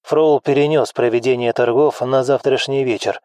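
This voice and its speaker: A man's voice: mid-range voice, steady tone, normal speed, a little mellow, no echo, lightly acted. A man voicing a tense male steward who reports in a strained, formal way.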